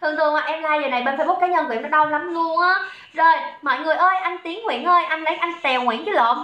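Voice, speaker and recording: A woman's voice: high-pitched, very fast. A young woman selling on a livestream, chatty and teasing as she reads out viewer comments. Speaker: livestream seller. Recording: echoey room, dull lo-fi sound.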